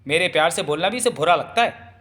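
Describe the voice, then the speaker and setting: A woman's voice: on the low side, lively intonation, fast, fairly bright tone. A male narrator voicing a young wife who talks in a sugary, teasing, coaxing way in a storybook reading. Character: sweet-talking scheming young wife, teasing. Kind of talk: audiobook character voice.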